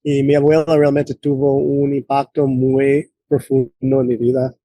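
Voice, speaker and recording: Man, late forties, from the United States, interview guest, halting speech with restarts, mellow tone. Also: mid-range voice, monotone, dry recording. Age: late 40s. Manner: halting, many restarts and fillers. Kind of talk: conversational interview.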